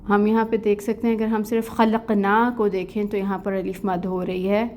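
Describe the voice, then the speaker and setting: A woman's voice: mid-range voice, little pitch movement, darkish tone, slight background noise. A woman with a Pakistani Urdu accent teaching an online tajweed lesson, explaining rules step by step in plain speech. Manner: slow melodic recitation of verses, then plain explaining.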